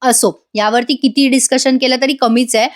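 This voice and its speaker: A woman's voice: high voice, steady tone, normal speed. A woman giving a chatty voice-over review of a TV serial episode, speaking directly to viewers.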